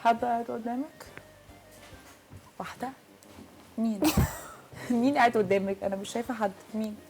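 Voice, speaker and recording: A woman with an Egyptian accent hosting a prank show, arguing loudly and defiantly, throwing back short repeated retorts. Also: a little high, steady tone, normal speed, faint music behind. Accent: Egyptian Arabic. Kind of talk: heated argument with a guest.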